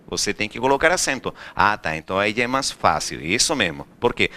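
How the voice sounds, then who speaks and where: A man teaching Spanish in a classroom, often asking the students questions. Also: mid-range voice. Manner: lively, rhetorical questions to students. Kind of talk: recorded classroom lecture.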